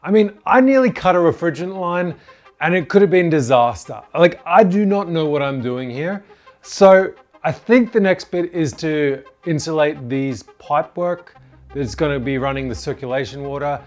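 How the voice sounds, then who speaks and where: A man's voice: a little high, normal speed, faint music behind. A man presenting a DIY build in casual vlog chat, with a jokey, self-deprecating way of talking.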